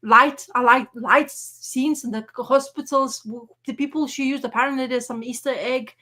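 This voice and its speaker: Animated woman in casual chat. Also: sits high, moderate pace. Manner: animated, trails off and restarts mid-sentence. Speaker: podcast co-host.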